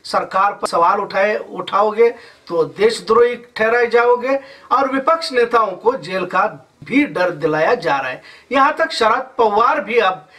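Bright-voiced male news anchor, distant mic. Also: sits high, lively intonation, unhurried. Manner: formal Urdu-flavored news delivery. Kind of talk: read news report.

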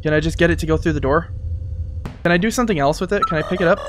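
Higher-pitched young man doing jittery gaming commentary. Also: racing, music in the background. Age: young adult. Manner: jittery, exclamatory, thinking aloud. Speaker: gaming video host. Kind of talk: casual let's-play commentary. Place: small indoor gaming setup.

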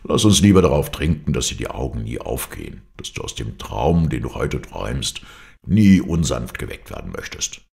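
Male reader doing a grumbling wry friend, very deep gravelly voice, storybook reading. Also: very animated, moderate pace, a little mellow, heavily acted.

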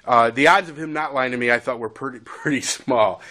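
A man's voice: medium pitch, a little fast, bright, forceful tone. A man telling a casual story about his railroad days, rambling and chuckling with conversational asides. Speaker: former railroad crew storyteller. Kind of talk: casual spoken anecdote.

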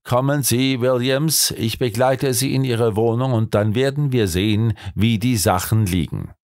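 A man voicing a sharp, energetic detective who talks in a brisk, commanding way. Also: medium pitch, no room sound, clean studio sound, lightly acted. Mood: probing.

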